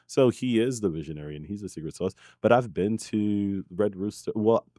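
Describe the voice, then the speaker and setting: A man's voice: fairly low pitch, normal speed, no room sound, studio quality. A man born in Haiti and raised in New York City, a guest in a casual interview who keeps tagging his points with "right?" and "you know?". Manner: animated, tags lines with "right?" and "you know?". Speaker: guest, community founder.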